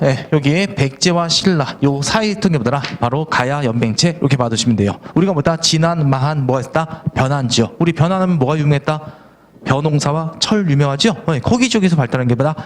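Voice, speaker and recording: A middle-aged man giving an exam-prep history lecture, sounding worn out, grumbling in asides and then quizzing his students with questions. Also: a little high.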